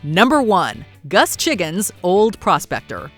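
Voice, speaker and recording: A woman's voice: fairly low pitch, wildly swooping pitch, slow pace, a bit bright. A woman reading scripted narration for a countdown video. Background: background music.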